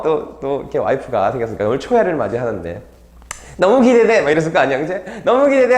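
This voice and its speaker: A man's voice: medium pitch, roomy sound. A man teaching literature in a casual, joking storytelling way, acting out the characters' lines as he retells the tale. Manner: animated, jokey, acts out characters' lines. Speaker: Korean literature tutor.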